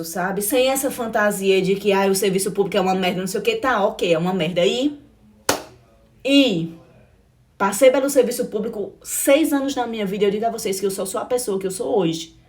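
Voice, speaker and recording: Speaking at a normal pace with medium pitch and lively intonation, a middle-aged woman from Brazil coaches students for exams with a fiery, no-nonsense pep talk in Brazilian Portuguese-accented speech. She hammers points home by repeating herself, addresses listeners as "meu amor" and drops the occasional swear word.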